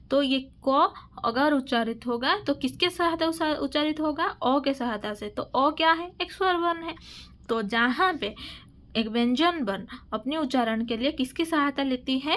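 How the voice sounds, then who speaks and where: A woman's voice: a little high, a bit bright. A woman teaching a grammar lesson for exam prep, asking questions and answering them herself, often repeating and correcting herself.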